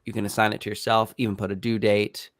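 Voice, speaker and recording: A man's voice: lowish voice, little pitch movement, fast, no room sound, clean studio sound. A man hosting a casual team meeting, easygoing and upbeat, laughing often.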